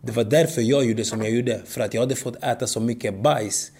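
A man, talking as a podcast guest. His voice has a gravelly, fry-laden edge at an ordinary pitch. He tells stories animatedly, often checking that the listener follows him. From Sweden. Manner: animated storytelling, frequent "förstår du vad jag menar". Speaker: guest, former footballer. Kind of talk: podcast interview.

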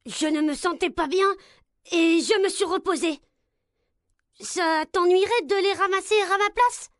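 A woman's voice: very high voice, measured pace, no room sound, clean studio sound, pitched above the performer's own voice. A woman voicing a lazy, sly male earwig who fakes being ill, in a whiny, wheedling, falsely sweet voice.

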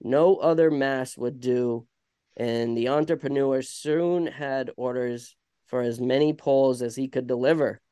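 A man's voice: medium pitch, dark tone, smooth, dry recording, studio quality. A man with a Vermont accent reading aloud casually, stumbling and correcting himself as he goes. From Vermont, United States. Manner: halting, stumbling and self-correcting. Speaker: podcast host reading a story aloud.

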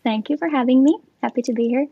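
A woman from Finland, a guest on a podcast, explaining her work with frequent pauses and fillers. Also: sits high, mellow, slightly rough, no room sound, highs cut off. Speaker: guest, commercial lead. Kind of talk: podcast interview.

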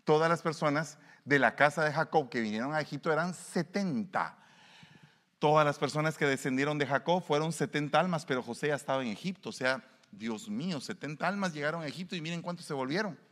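A man's voice: on the high side, brisk, a bit bright. A man preaching a sermon, colloquial and emphatic, full of rhetorical questions. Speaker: pastor. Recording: long hall reverb.

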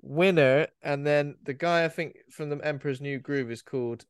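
A man's voice: fairly high pitch, normal speed, clear, resonant tone, dry recording, studio quality. A man, co-hosting a podcast in casual, giggly chat. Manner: giggly, playful, trailing off. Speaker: podcast co-host.

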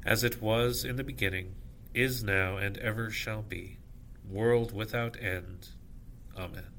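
A man officiating at evening prayer, reciting scripture and liturgy in measured, solemn short phrases. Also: lowish voice, fairly even intonation, fairly bright tone, slight background noise.

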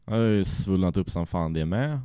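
A man's voice: deep voice, lively intonation, dark tone, smooth, no echo, studio quality. A young man casually telling a rowdy anecdote, swearing freely and laughing as he goes. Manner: profane, laughs through his story. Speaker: storyteller.

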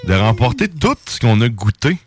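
A man's voice: mid-range voice, very animated, moderate pace. A man with a Québécois accent co-hosting a radio show, chatting with enthusiasm in slang and with many restarts. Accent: Québécois French. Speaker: radio co-host. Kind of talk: casual radio chat.

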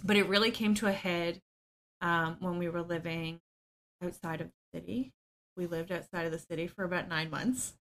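Talking at a normal speed in a lowish, steady voice, a woman opens up about her own life as a guest on a podcast. She pokes fun at herself, laughs often, and says "um" frequently.

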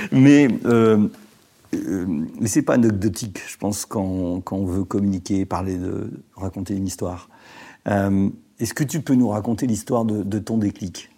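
Casting: male podcast host, husky, mellow tone, easygoing questions. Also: on the low side, unhurried. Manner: warm-hearted, laughs easily, conversational questions. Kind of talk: casual interview.

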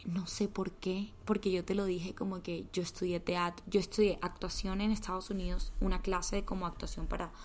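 A woman's voice: fairly low pitch, flat delivery, a little fast, few pauses, a little mellow, a little hiss or hum. A twenty-year-old woman with a Colombian accent, telling stories in a casual podcast chat, full of slang and swearing. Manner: chatty storytelling with slang and swearing. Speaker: podcast co-host.

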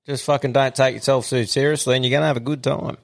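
A man's voice: medium pitch, steady tone, fast talker, creaky, a little hiss or hum. Australian man in sweary casual banter. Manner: blokey, sweary. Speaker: podcast host.

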